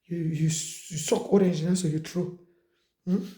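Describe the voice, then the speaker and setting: A man preaching an exhortation sermon, emphatic and repetitive, with sudden high outbursts. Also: steady tone, slow, mellow, reverberant.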